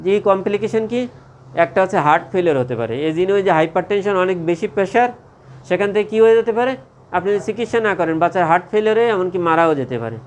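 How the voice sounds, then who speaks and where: A man's voice: high voice, fast talker, slight background noise. A man giving a medical lecture to a class. He asks questions and answers them himself, and keeps checking that the class follows.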